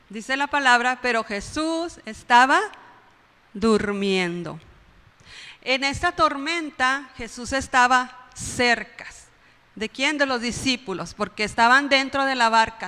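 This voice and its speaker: A woman delivers a friendly, conversational sermon with a fairly high, bright voice. She keeps checking in with the congregation and laughs at her own retellings. The sound carries the long reverb of a church hall. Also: smooth. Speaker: preacher.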